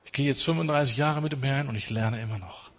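A middle-aged man preaching a sermon, emphatic, swinging from loud urging to hushed intensity. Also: medium pitch, fast talker. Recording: long hall reverb.

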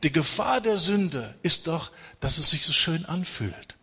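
Man, middle-aged preacher, sermon, bright husky voice, emphatic, long hall reverb. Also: fairly high pitch, big pitch swings, a little slow. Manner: emphatic, swings from loud urging to hushed intensity.

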